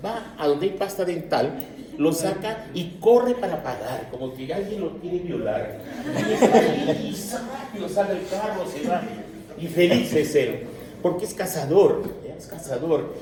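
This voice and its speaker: A man giving an animated, joking classroom lecture to his students. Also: on the high side. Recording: echoey room, mic far off, noisy.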